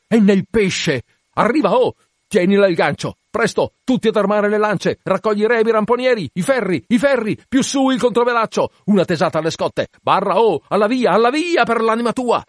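A man's voice: medium pitch, a little slow, no echo, studio quality, lightly acted. A man voicing an obsessed, one-legged old whaling captain in a dramatic reading, commanding and declamatory. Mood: frenzied.

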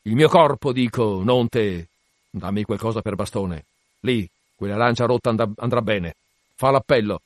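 A man's voice: lowish voice, normal speed, no echo, close to an everyday voice. Man reading as a commanding old sea captain, obsessed and one-legged, fervent declamation, dry close sound. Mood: urgent. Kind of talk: dramatic reading.

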